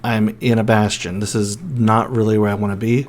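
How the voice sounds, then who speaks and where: A man casually narrating and commenting on his own gameplay, often dropping to a hushed, whispery voice while sneaking. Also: lowish voice, little pitch movement, moderate pace, slight background noise. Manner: chatty, drops to a hushed whisper when sneaking. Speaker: gaming YouTuber. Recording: faint music underneath.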